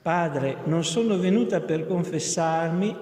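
A man's voice: a little high, a little slow, a little mellow, lightly acted. A man voicing a young woman student troubled by doubts of faith, speaking earnestly, in an echoey hall. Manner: earnest, pleading. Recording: echoey hall, long reverb.

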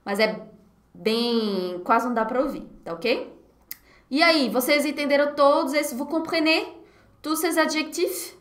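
Animated Brazilian woman teaching French. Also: sits high, measured pace, roomy sound. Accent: Brazilian Portuguese. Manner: animated, laughs often, drills words by repetition. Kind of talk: live online beginner French lesson. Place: home setup at her computer. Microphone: computer mic.

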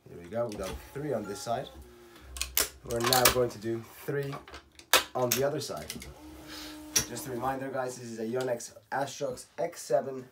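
A man in his thirties, slightly hoarse from losing his voice, calmly talking through a how-to tutorial step by step and counting aloud. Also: mid-range voice, normal speed, heavy background noise. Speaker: racket stringing instructor. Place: home workshop at night. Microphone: camera on a tripod.

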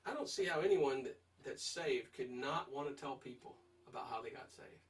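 A man's voice: medium pitch, expressive, normal speed, far from the mic, poor audio. A man teaching a verse-by-verse Bible study in an emphatic, urging way, putting direct questions to his listeners.

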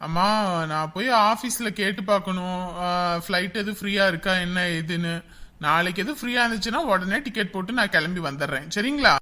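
A woman's voice: on the low side, brisk, bright, forceful tone. A performer voicing a polite, dutiful adult son working abroad who reassures his mother.

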